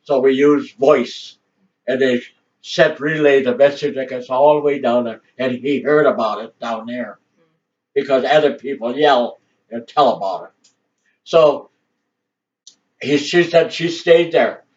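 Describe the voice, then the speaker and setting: An older man, a grandfather, telling family history in halting oral storytelling, restarting and repeating words as he goes. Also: medium pitch, darkish tone. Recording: distant, dull lo-fi home recording.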